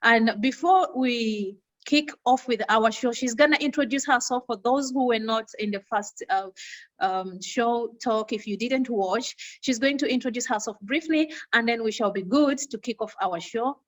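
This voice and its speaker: Host: young woman, bright higher voice, effusive and admiring. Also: moderate pace. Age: young adult. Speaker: talk show host. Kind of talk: casual chat.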